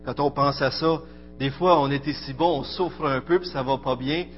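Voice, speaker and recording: A man's voice: mid-range voice, moderate pace, husky. A man preaching a sermon in an emphatic, rising and falling cadence. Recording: dull lo-fi recording with faint music.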